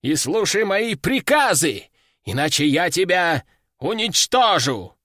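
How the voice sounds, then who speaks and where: A man's voice: high voice, big pitch swings, slow pace, a bit bright, dry recording, exaggerated voice. A domineering old sorcerer barks orders and threats at his students and at a demon, as a man voices him for an audiobook. His voice rises and falls sharply as he commands. It is recorded close and dry. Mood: commanding. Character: stern old male sorcerer teacher, domineering. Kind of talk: audiobook character voice.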